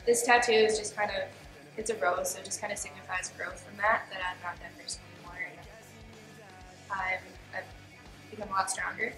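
A woman's voice: medium pitch, fairly even intonation, brisk. A nineteen-year-old woman from Canada talking chattily in a seated interview, laughing now and then. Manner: chatty, laughs between remarks. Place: studio with gray backdrop. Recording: roomy studio with music bed.

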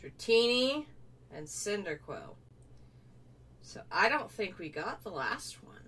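A woman's voice: medium pitch, very animated, takes it slowly, fairly bright tone, breathy edge. A young woman vlogging casually, playful and self-mocking, sometimes talking with her mouth full. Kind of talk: casual unboxing vlog. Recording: distant mic with faint room noise.

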